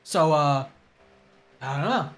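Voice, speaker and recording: A streamer giving casual, profane reaction commentary with loud outbursts. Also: mid-range voice, animated, slow pace.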